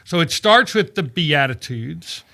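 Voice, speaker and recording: Bright, forceful man teaching conversationally. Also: fairly high pitch, a little slow, vocal fry. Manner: animated storytelling, acts out quoted voices, frequent "right?" checks. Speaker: podcast guest discussing scripture. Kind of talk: casual conversational Bible teaching.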